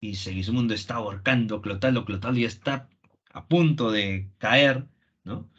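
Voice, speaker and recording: A man's voice: on the low side, normal speed, fairly bright tone, slightly rough. A man with a Peruvian Spanish accent, a literature teacher retelling a play for students and acting out its lines. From Peru. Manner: acts out quoted lines, tag questions. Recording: dull lo-fi recording.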